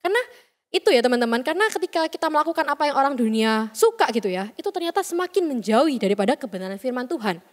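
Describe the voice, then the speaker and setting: Fast, high-voiced young woman preaching. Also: sing-song. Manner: chatty, playful, acts out quoted voices. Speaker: youth service speaker. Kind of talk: youth sermon. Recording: reverberant hall sound.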